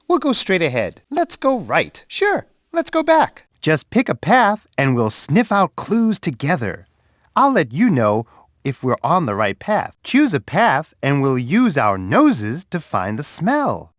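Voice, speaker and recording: A man voicing a big friendly bear who cheerfully guides children through an edutainment game, encouraging them with expressive, playful reactions. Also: on the high side, no echo, studio quality. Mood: eager, encouraging. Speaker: children's game character and storyteller.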